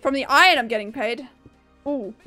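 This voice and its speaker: A woman's voice: high voice, moderate pace, bright, forceful tone, soft background music. A young woman streaming a game, chatting casually and upbeat with her viewers and laughing often. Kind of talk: casual live-stream chat while gaming.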